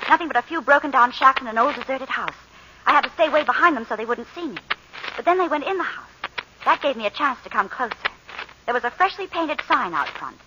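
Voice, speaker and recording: A frightened young wife pouring out her story on a payphone call in a vintage radio play. Her voice sits high, rushes along in halting bursts and leaps up and down in pitch. The broadcast sounds dull and hissy. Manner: urgent, hurried, halting. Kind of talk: 1950s radio drama acting.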